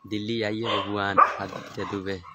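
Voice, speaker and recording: Soft-spoken low-voiced man, Bhojpuri accent. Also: unhurried, very noisy. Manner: soft-spoken, relaxed, chuckles often. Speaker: singer and songwriter. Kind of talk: casual live stream, greeting viewers by name.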